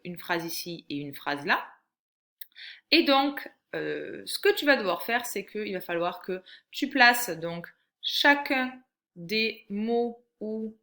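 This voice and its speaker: A woman teacher giving a patient, clearly articulated reading lesson to a young child. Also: fairly low pitch, bright, forceful tone.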